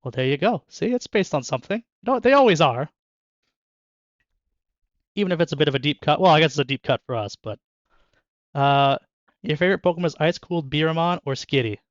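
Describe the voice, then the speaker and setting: A man's voice: on the high side, lively intonation, a little fast, pauses often, no room sound, muffled recording. Joking young man opening card packs. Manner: joking, laughs often, crude humor. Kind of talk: casual chat with live chat. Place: bedroom at home.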